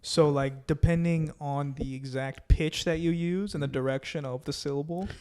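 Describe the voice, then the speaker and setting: A man co-hosting a podcast in casual chat, easygoing and quick to laugh. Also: a little high, steady tone, a little mellow, clear, resonant tone. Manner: easygoing, chatty, laughs often. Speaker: podcast co-host.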